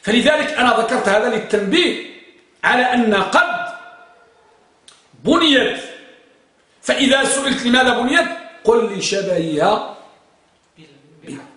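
A man with a fairly high voice teaches a grammar lesson in a very echoey room. He keeps questioning his students and chants the rules in rhyming verse. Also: animated, moderate pace, pauses often, bright, forceful tone, recorded from a distance. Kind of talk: classroom lesson.

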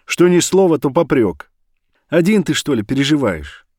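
A man's voice: mid-range voice, sing-song, moderate pace, no echo, studio quality, voice pushed up. A man voicing a hurt, anxious wife who answers with puzzled reproach. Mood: reproachful.

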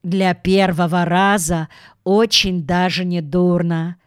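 A kindly older shopkeeper in a storybook, gentle and soothing, as a woman reads him. He speaks slowly, with a smooth, clear voice, close and dry. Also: on the low side, fairly even intonation, dry recording. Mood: reassuring.

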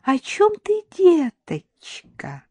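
A woman's voice: sits high, wildly swooping pitch, extremely slow, mellow, dry recording, voice pushed up, heavily acted. A woman voicing a scheming middle-aged mother-in-law who coos in a sugary, cloying way, in an audiobook. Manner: cloying, lisping-sweet cooing.

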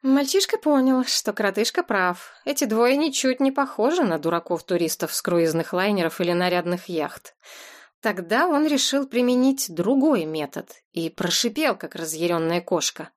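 A woman reads an adventure story aloud as an audiobook narrator. Her telling is expressive and scripted. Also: mid-range voice, normal speed.

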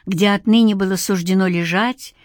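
A woman reading a dark story aloud in measured, dramatic scripted narration. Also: mid-range voice, steady tone, dry recording, studio quality. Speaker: audiobook narrator.

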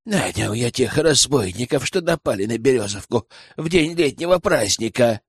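A bitter, scheming village outcast, as a man reads him, sullen and full of self-pity. His lines swing up and down in pitch through a dry, close audiobook reading. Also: expressive, normal speed, breathy edge, no echo. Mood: spiteful. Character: resentful scheming male village outsider.

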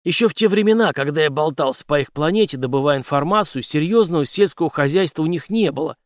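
A man reading an audiobook, voicing a stubborn, brash male intelligence officer who speaks forcefully in clipped phrases. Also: fairly high pitch, lively intonation, quick pace, no echo, clean studio sound, voice pushed up, lightly acted.

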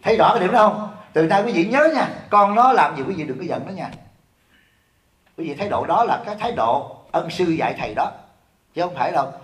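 A middle-aged man from Vietnam, an abbot giving a sermon in a lively, joking way, often asking his listeners questions. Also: high-pitched, brisk. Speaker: abbot giving a dharma talk. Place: temple hall.

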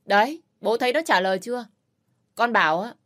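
A spiteful, quarrelsome sister-in-law who sneers and shrieks her insults, as a woman narrator puts her on. Her voice runs high and sharp, in an audio story. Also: fairly quick, close to an everyday voice.

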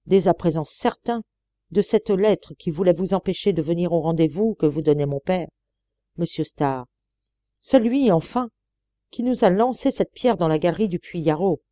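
An excited young miner from an audiobook adventure, pressing every word with conviction, as a woman reads him. The voice is mellow and warm rather than sharp. It is recorded close and dry. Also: a little high, normal speed, hardly any pauses, no echo, voice pushed up. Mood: urgent. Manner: urgent, emphatic exclamations.

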